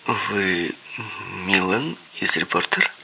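A man's voice: sits low, expressive, extremely slow, creaky, dull audio, slight background noise, pitched above the performer's own voice, heavily acted. A man voicing a cool, aloof young woman secretary who answers coldly and tersely. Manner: cold, terse replies.

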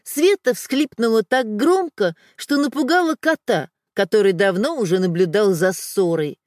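A woman's voice: mid-range voice, lively intonation, moderate pace, darkish tone, dry recording, studio quality. A woman narrating a story as an emotive audiobook reading.

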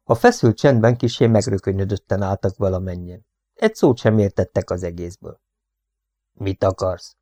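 Egy férfi, aki egy hangoskönyvet olvas fel kimért, egyenletes mesélő stílusban. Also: male voice, on the low side, warm tone, no echo. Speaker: audiobook narrator. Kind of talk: audiobook reading.

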